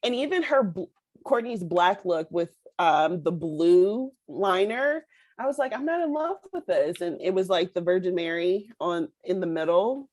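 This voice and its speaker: A woman co-hosting a podcast in casual chat, talkative and quick to laugh. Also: fairly low pitch, lively intonation. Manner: chatty, laughs often. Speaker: podcast co-host.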